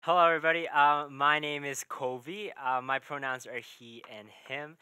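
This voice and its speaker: A man's voice: a little high, steady tone, moderate pace, pushed and bright, clean tone, dry recording. A man co-hosting a playful science live stream, cheerful and jokey. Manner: cheerful, jokey, breaks into laughs. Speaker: science show co-host.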